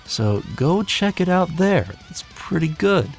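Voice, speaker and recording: With soft music in the background, a young adult man who narrates as a hobby and directs audio plays shares a channel update that's casual yet scripted. He's wry, self-deprecating and sweary, speaking a little slowly in a high, sing-song voice with vocal fry.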